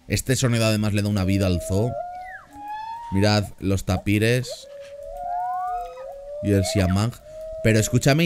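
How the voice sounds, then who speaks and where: A man giving casual, excitable commentary while playing a zoo game, often repeating words in quick bursts. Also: on the low side. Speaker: gaming YouTuber reacting to a zoo build.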